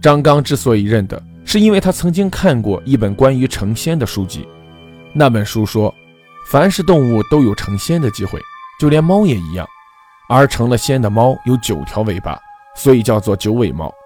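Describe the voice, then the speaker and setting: A man narrating a folk ghost story in a measured, dramatic storytelling manner. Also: mid-range voice, lively intonation, darkish tone, faint music behind.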